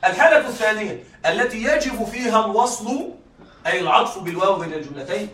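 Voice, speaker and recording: High bright-voiced male teacher, echoey room. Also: animated, recorded from a distance. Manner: keeps checking students follow, repeats key points; reads examples slowly and deliberately. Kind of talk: classroom lecture.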